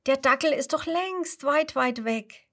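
A woman's voice: high-pitched, expressive, measured pace, fairly bright tone, pitched above the performer's own voice. A woman voicing an eager young grasshopper girl in a children's story, encouraging.

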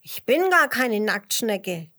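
A woman's voice: on the high side, animated, slow, vocal fry, pitched above the performer's own voice, exaggerated voice. A woman voicing a small snail who has lost its house, in a children's story. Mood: sulky.

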